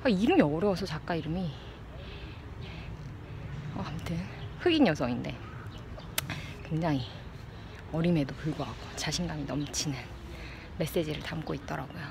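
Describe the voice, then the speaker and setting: Musing aloud outdoors, a low-pitched woman vlogs into a phone held at arm's length in an open park with trees. She's expressive but halting, speaking in short phrases and pausing to find words, with park ambience clearly in the background.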